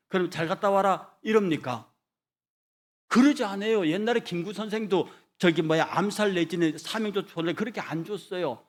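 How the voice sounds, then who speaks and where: A man, a pastor, preaching a sermon and telling a story in which he acts out both sides of a conversation, swinging from quiet asides to loud, emphatic preaching. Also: fairly high pitch. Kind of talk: sermon with acted anecdote. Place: church sanctuary.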